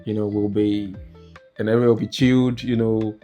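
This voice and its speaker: Casting: young man from Nigeria, lowish voice, halting and filler-heavy, soft guitar under. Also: little pitch movement. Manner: hesitant, many "you know" fillers. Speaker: co-host, husband. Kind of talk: casual couple chat. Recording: soft guitar music behind.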